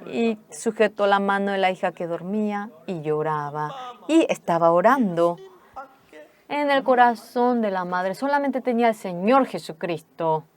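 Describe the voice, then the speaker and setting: Woman sermon interpreter, unhurried and measured, storytelling delivery. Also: medium pitch, animated. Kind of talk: sermon testimony in Spanish voice-over.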